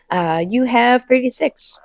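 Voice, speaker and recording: A woman's voice: on the high side, no echo, clean studio sound. A woman co-hosting a casual commentary podcast, rambling with lots of "um"s and playful sound-effect noises. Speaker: podcast co-host.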